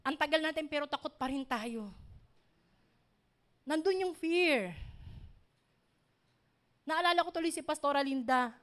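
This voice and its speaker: A middle-aged woman pastor, preaching an animated sermon built on personal stories. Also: high voice, unhurried, long pauses.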